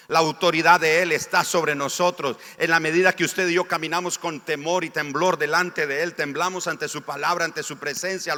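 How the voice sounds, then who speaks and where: Fervent Nicaraguan pastor preaching in a reverberant church. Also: male voice, on the high side. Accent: Nicaraguan Spanish. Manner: fervent, rising to near shouts on key phrases. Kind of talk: sermon. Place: church sanctuary.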